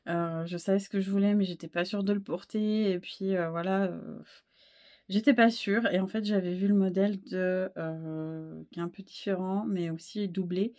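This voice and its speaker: A woman's voice: on the low side, dark tone. Scatterbrained woman chatting about her knits. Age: 30s. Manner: scattered, self-deprecating, many fillers and restarts. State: a bit hoarse, frog in the throat. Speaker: wool dyer and knitting podcaster. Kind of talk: casual knitting vlog chat.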